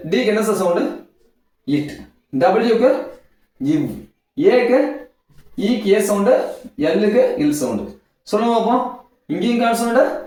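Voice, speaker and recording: A man's voice: sits high, darkish tone. A man teaching English pronunciation, drilling sounds in a repetitive call-and-answer way. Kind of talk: classroom-style phonics lesson. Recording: very echoey room, voice from far off.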